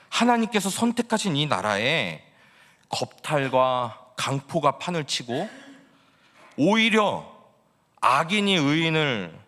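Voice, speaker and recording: A preacher acts out an outraged male prophet whose voice climbs high and loud as he accuses heaven. His words come in exasperated, pleading bursts. The sound rings with a long church-hall echo. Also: heavily acted. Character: indignant male prophet demanding justice from God.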